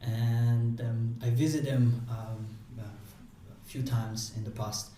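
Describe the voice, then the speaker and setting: This interview guest is a non-native English speaker whose medium-pitched voice comes across mellow and flat. He stops and starts often, leaning on fillers as he replies. Picked up from a distance, his speech rings around a highly reverberant room over a low hiss.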